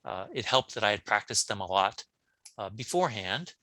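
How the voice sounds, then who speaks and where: A man, a brain coach on a podcast, talking casually in an interview, telling animated stories with frequent restarts. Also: on the low side, normal speed, dry recording. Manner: animated storyteller, many restarts.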